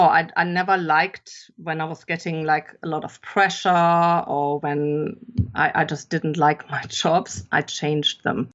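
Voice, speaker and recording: A middle-aged woman from Germany with a German accent, a podcast guest chatting in a rambling way with many fillers. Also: on the low side. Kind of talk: casual interview chat. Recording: dull lo-fi sound.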